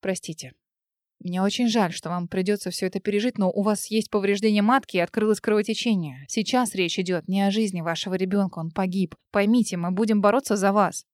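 A woman's voice: mid-range voice, steady tone, a little fast, a little mellow, no echo, studio quality, natural voice. A woman doing a grave woman gynecologist. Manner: grave, clinical. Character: stern female hospital gynecologist.

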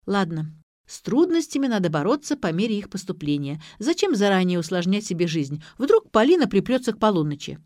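A woman voicing a bossy, quick-tempered young woman who gives emphatic orders, in an audiobook. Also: mid-range voice, very animated, darkish tone, no room sound, studio quality, lightly acted. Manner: emphatic, commanding.

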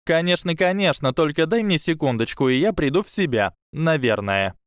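A man's voice: on the high side, animated, normal speed, clear, resonant tone, no echo, studio quality, pitched above the performer's own voice, close to an everyday voice. A man voicing a shaken but indignant schoolgirl witch who speaks emphatically.

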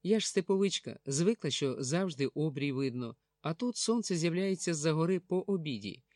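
A man voicing a hopeful, eager young mother who teases gently. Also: fairly high pitch, lively intonation, normal speed, no room sound, clean studio sound, close to an everyday voice.

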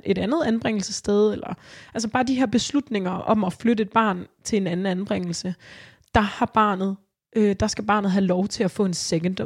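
A young adult woman telling her own story in a podcast interview, earnest and halting, with many fillers and restarts. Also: medium pitch, a little mellow, husky. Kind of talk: personal testimony in a podcast interview.

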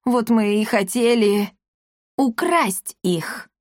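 A fierce storybook housewife, scolding and threatening with sharp emphasis, as a woman reads her. Her voice sits somewhat higher than a plain reading voice. The sound is dry and close. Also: lively intonation, slow, no echo.

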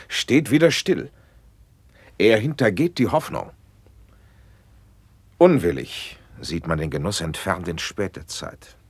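In a classic German radio play, a male actor plays an impatient, commanding prince, delivering stately verse with elevated rhetoric in a heavily acted style. His fairly low voice is slightly rough with vocal fry, and there's no echo.

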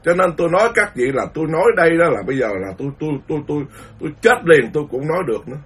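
A man's voice: on the high side, expressive, rapid-fire, fairly bright tone, slightly rough, distant mic. A man lecturing as a Buddhist monk, ranting indignantly with lots of repetition. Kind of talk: impassioned Dharma lecture.

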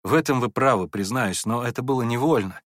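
A man's voice: mid-range voice, brisk, a bit bright, no room sound, clean studio sound, natural voice. A man voicing a meek, kind young prince who speaks hurriedly and apologetically. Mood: earnest. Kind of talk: audiobook character voice.

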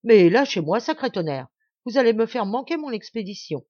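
A woman's voice: fairly high pitch, sing-song, fairly quick, darkish tone, dry recording, dull audio, voice pushed up. A woman voicing a blunt army sergeant who speaks brusquely and swears, in a dry home recording. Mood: exasperated.

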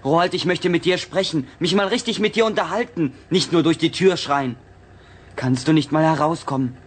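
A pleading, panicky spaceship passenger. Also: male voice, on the high side, moderate pace, husky. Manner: pleading, increasingly desperate. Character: anxious young male spaceship passenger. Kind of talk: radio drama acting.

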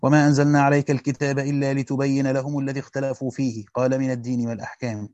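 A man with an Egyptian accent reads a Quran commentary aloud quickly as a teacher. He stops to explain grammar and quizzes his students. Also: mid-range voice, little pitch movement, a little mellow, no room sound. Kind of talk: fast classical Arabic reading with colloquial explanations. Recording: dull lo-fi dry recording.

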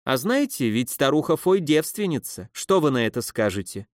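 A man's voice: mid-range voice, very animated, moderate pace, no room sound, lightly acted. Sneering old drunk lady, a guy putting her on, mocking and bossy, dry close sound. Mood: sardonic. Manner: sneering, scolding, loudly theatrical.

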